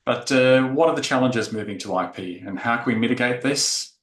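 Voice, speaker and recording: Man from Australia, mid pitch, presenting a tech talk in a roomy conference space; steady explainer with fillers. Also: a little fast. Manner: explanatory, filler-heavy delivery. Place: conference room. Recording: echoey conference room.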